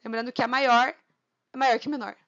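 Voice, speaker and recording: High-pitched woman teaching a lesson. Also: steady tone, a bit bright, muffled recording. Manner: counts syllables aloud slowly, asks for agreement with tag questions. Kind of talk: literature lesson.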